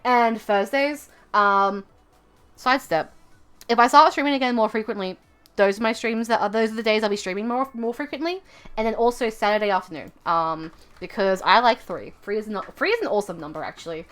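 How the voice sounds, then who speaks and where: A woman's voice: mid-range voice, a little fast, fairly bright tone. Rambling woman streamer. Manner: rambling, with many fillers and asides. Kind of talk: casual storytelling while drawing on stream.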